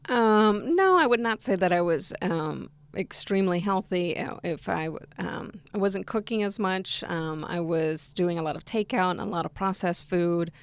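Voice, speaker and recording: A young Argentine woman, a guest on a podcast, sits at a studio table across from the host in a conversational interview. Her lowish voice is clean, moderately paced, and has hardly any pauses, though she answers hesitantly with many ums and restarts. There's no room sound.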